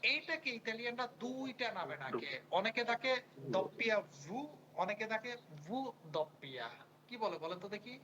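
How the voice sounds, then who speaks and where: A language teacher who says each sound slowly, repeats it, and asks the students to say it back. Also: medium pitch, big pitch swings, crowd noise, poor audio. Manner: repeats words and prompts students to say them back. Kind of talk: online language lesson.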